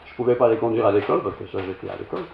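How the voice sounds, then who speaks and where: A man's voice: fairly low pitch, expressive, very fast, vocal fry, a little hiss or hum. An older man with a Belgian French accent, a pastor telling a homely, self-mocking childhood anecdote in a sermon. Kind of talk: storytelling sermon. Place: church hall. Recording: roomy, slightly dull church recording.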